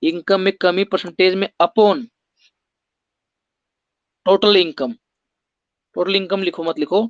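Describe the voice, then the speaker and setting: A man's voice: sits high, fairly even intonation, slow, dry recording, highs cut off. A man teaching an exam-prep maths lesson, explaining step by step and putting rhetorical questions to his students.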